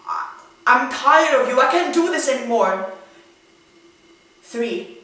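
A woman's voice: sits high, animated, slow, bright, forceful tone. A young woman in her twenties performing a spoken word poem with a dramatic, rhythmic delivery that swells into emphasis, recorded indoors in a small room on a camera mic. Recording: very echoey room, voice far from the mic.

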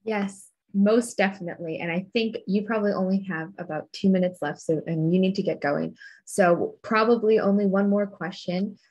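A young woman moderating a town hall over a video call, asking questions politely and briskly. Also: medium pitch, a little mellow, husky, muffled recording. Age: young adult. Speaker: student moderator. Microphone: video call webcam.

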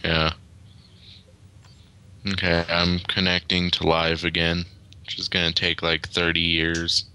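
A young man calmly commenting on a strategy game over a voice call. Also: low voice, takes it slowly, long pauses, clear, resonant tone. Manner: laid-back, flat commentary on loot and stats. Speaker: gamer host. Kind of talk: casual gaming chat over voice call.

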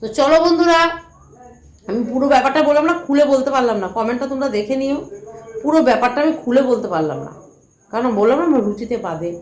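A woman's voice: high voice, lively intonation, fast, darkish tone. A woman from ranting angrily to camera as a vlogger, scolding and insulting in repetitive bursts. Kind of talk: angry rant to camera. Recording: echoey room.

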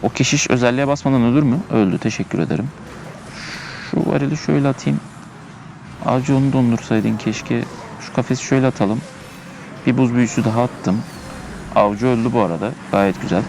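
A man's voice: mid-range voice, fairly quick, gravelly, darkish tone, a little hiss or hum. A man giving casual gameplay commentary, chatting and thinking aloud as he plays, often repeating himself, recorded outdoors in a park.

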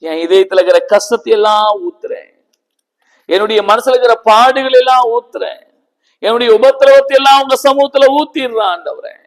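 A man's voice: very high voice, moderate pace, in a large hall, rough recording. A man preacher voicing a grieving childless woman pleading with God in prayer, set in a sermon. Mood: tearful pleading.

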